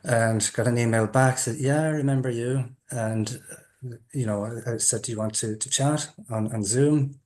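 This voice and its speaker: A man's voice: medium pitch, steady tone, normal speed, a little mellow. A man hosting an interview, telling a personal story in a chatty way and laughing at himself now and then. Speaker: interviewer, group host. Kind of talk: storytelling introduction.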